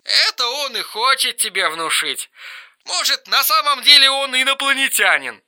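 A man voicing an erratic, mocking young man on the phone in an audiobook reading, shrill and teasing. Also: heavily acted. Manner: shrill, teasing, quick swings to flat calm.

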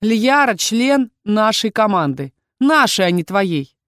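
A woman's voice: mid-range voice, big pitch swings, slow, a bit bright, no room sound, clean studio sound. A woman voicing an angry, hot-tempered young male captain who snaps at others. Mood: insistent. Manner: snapping, fierce.

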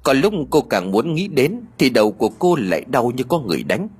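A man narrating a ghost story audiobook with expressive, dramatic storytelling. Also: mid-range voice, a little fast, breathy edge.

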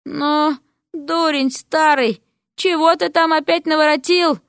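A woman's voice: high voice, fairly even intonation, fairly bright tone, no echo, studio quality, pitched above the performer's own voice, heavily acted. A woman voicing a bossy old witch Yaga. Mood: scolding. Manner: brisk, scolding.

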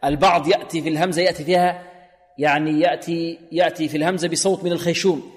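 A man's voice: on the high side, fairly even intonation, racing. Man teaching Quran recitation, long reverb. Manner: patient, repeats sounds for students to copy. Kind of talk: tajweed lesson with chanted demonstrations. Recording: long reverb, religious radio broadcast.

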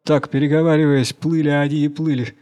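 A man narrating a fairy tale in a measured storytelling manner. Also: on the high side, level tone, mellow, smooth.

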